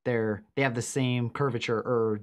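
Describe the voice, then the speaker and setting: A man's voice: mid-range voice, steady tone, normal speed, a little mellow. A man co-presenting a workshop, casually summarizing his colleague's points. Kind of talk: conversational clarification. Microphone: video call.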